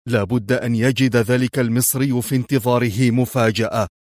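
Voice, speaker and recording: A man's voice: mid-range voice, steady tone, fairly quick, darkish tone, no echo, clean studio sound, lightly acted. A man reading a storybook voices a ruthless, furious spy-ring boss who barks harsh, contemptuous orders.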